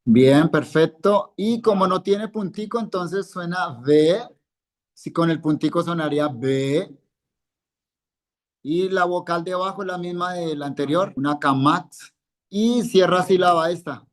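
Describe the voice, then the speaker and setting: Speaking at normal speed in a high-pitched voice, a male Hebrew teacher from Colombia runs a live lesson, quizzing students one by one by name with patience and saying each word twice.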